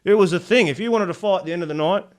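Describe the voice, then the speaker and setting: A man's voice: sits high, racing. Laughing Australian storyteller, middle-aged man. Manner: rambling yarn-spinner, laughs often, trails into restarts. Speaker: podcast guest. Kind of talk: casual storytelling chat.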